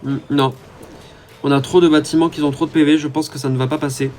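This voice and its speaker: A man with a slightly higher voice talks his way through a mobile strategy game, chatty and hesitant, filling pauses as he thinks aloud. Faint noise sits behind his voice. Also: level tone, a little mellow. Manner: chatty, hesitant, many "euh" fillers. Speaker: gaming YouTuber. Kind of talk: casual gameplay commentary.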